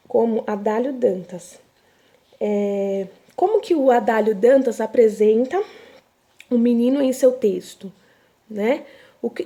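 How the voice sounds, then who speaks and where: Brazilian teacher lady, slow and mellow, stretches every word out for little kids. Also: a little high. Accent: Brazilian Portuguese. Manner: patient, slow and drawn out, repeats words for young pupils. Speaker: primary school teacher. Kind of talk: recorded remote reading lesson for children.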